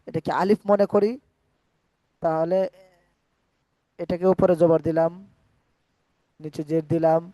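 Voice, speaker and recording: A man teaches an online Quran class, patiently going step by step through letter sounds and vowel marks and now and then chanting phrases in slow, drawn-out recitation. His voice is a little high and mellow, with no echo.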